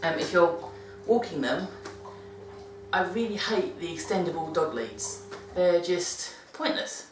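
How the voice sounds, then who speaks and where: A British woman chats about dog care in her monthly vlog, rambling and often correcting herself mid-sentence. Her voice is on the low side with lively intonation, and she speaks a little slowly. The background is noisy, and the distant mic sounds roomy.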